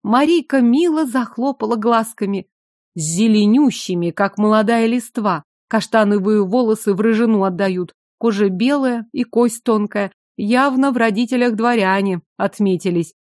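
A woman's voice: on the high side, normal speed, darkish tone, no room sound, clean studio sound. A woman narrating a fantasy novel in the first person, with a wry, sardonic inner voice. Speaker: audiobook narrator.

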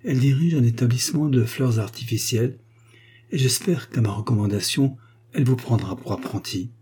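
A kindly, fatherly middle-aged lawyer speaks calmly and reassuringly, voiced by a man reading an audiobook. The voice is dark and mellow with a slightly husky grain. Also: medium pitch, fairly quick, lightly acted. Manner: calm and reassuring.

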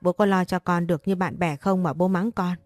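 A woman voicing a tearful, stubborn schoolgirl of about ten to twelve, in a low, mellow reading voice. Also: steady tone, brisk, dry recording, faint music behind, close to an everyday voice. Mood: defiant. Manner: plaintive, defiant.

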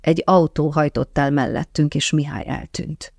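A woman narrating a first-person memoir audiobook in a calm, measured, softly reflective way. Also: low-pitched, creaky, no room sound, clean studio sound.

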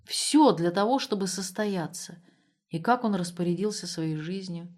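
A quiet, wistful middle-aged woman, speaking softly, as a female reader gives her voice. She comes from a read-aloud story. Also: on the low side, normal speed, natural voice.

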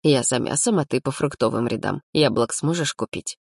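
A woman's voice: very deep voice, lively intonation, moderate pace, vocal fry, husky, no echo, heavily acted. A woman voicing a bossy, teasing young man who runs the camp, lecturing in a dry tone.

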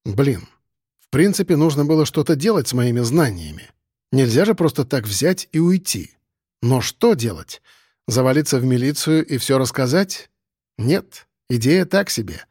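A man's voice: medium pitch, big pitch swings, moderate pace, darkish tone, husky, no room sound. Man, first-person audiobook narrator, musing, conversational, dry close sound.

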